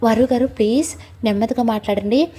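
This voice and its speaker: A woman voicing a nervous, flustered young man in a family audio story, pleading quickly. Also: a little high, dark tone, husky.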